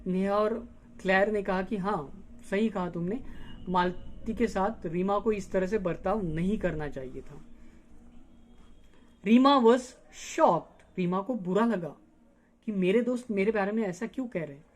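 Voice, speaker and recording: A male teacher, reading a story's lines aloud and explaining the words in Hindi. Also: high-pitched. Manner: reads English lines slowly, then explains them in Hindi. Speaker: English teacher. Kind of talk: bilingual lesson explaining a story.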